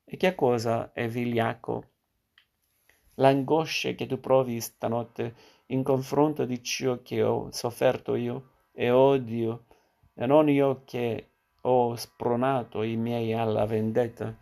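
A man's voice: mid-range voice, steady tone, slow pace, gravelly, warm tone. A man reading as an anguished, hateful captive. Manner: anguished, bitter. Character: betrayed, hateful man pleading.

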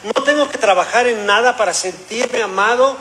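A man's voice: very high-pitched, moderate pace, pushed and bright, a little hiss or hum, low-quality recording. A man giving a sermon as pastor, telling a personal story and acting out the voices in it. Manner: storytelling, acts out quoted voices.

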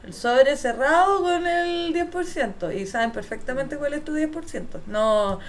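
A woman's voice: high-pitched, a little slow. A woman with a Chilean accent telling stories in a casual chat, full of slang and laughter. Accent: Chilean Spanish. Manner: laughing, animated storytelling with slang. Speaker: podcast co-host.

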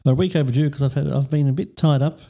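A man, co-hosting a casual podcast in a small studio on a proper microphone, relaxed and hesitant, with many fillers. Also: a little high, very fast, vocal fry, husky. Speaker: podcast co-host.

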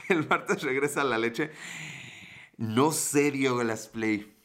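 A man in his thirties with a Mexican Spanish accent hosts a casual livestream, telling a story and playfully joking about viewers' comments. His mid-range voice is fairly bright, and he speaks slowly in a chatty way.

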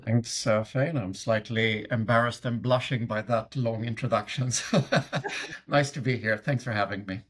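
A middle-aged Swedish man with a Swedish accent answers interview questions hesitantly, full of fillers and restarts. His mid-range voice is fairly bright and slightly rough, with fairly even intonation and a moderate pace.

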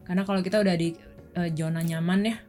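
A young woman from Indonesia talks openly about her own experiences in a relaxed chat, her voice sitting on the low side. Faint music plays quietly beneath her words. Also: fast. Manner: candid, personal storytelling. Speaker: guest. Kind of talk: casual chat.

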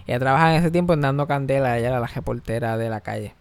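Podcast co-host, Puerto Rican man, a bit of fry in the voice, lively anecdotes peppered with English. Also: mid-range voice, very fast, no echo. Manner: animated, mixes English into Spanish, laughs often. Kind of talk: casual storytelling chat.

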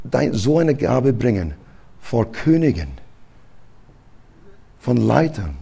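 A male pastor giving a sermon in a conversational, animated way, often restarting his sentences. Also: mid-range voice, slow pace, creaky, breathy edge.

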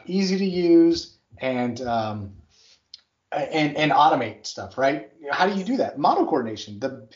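A man co-hosting a podcast, chatting casually and enthusiastically about construction software, with plenty of fillers. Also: mid-range voice. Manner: rambling, filler-heavy, enthusiastic. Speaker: podcast co-host. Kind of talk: casual tech chat. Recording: slightly dull lo-fi audio.

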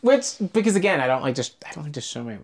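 A man from Pittsburgh who sings and teaches voice talks as a podcast guest. He tells anecdotes with animation, stopping and restarting his sentences as he goes. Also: fairly high pitch. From Pittsburgh, Pennsylvania. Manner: animated, self-interrupting, quick restarts. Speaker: singer and vocal instructor, podcast guest. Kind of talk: casual conversational storytelling.

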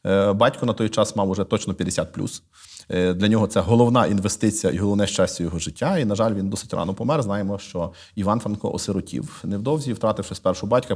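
A man speaking as an interview guest and literary scholar, explaining in a measured, lecturing way with frequent thoughtful "uh" pauses. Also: on the low side, darkish tone, slightly rough.

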